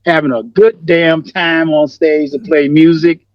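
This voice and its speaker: A man's voice: on the high side, steady tone, unhurried, no room sound. Plain-spoken man over a muffled video call. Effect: remote video call audio. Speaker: musician guest. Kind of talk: casual interview storytelling. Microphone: computer mic on a video call.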